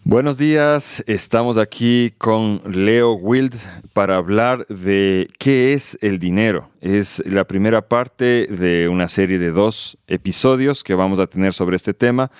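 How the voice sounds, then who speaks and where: Man, podcast host, low pitch, resonant tone, calm measured delivery. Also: clean tone. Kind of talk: podcast interview and announcements.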